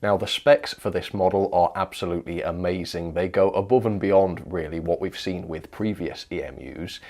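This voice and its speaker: With a deep, somewhat mellow voice at a normal speed, a man hosts a model railway news show. He reviews products in a relaxed, enthusiastic, opinionated way, on camera or in voice-over.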